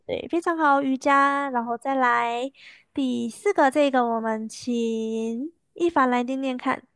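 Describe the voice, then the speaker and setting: A woman with a bright, high voice leads a language lesson and repeats each word slowly and clearly so students can copy it. The sound is close and dry, with no room around it. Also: steady tone, no echo. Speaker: language teacher.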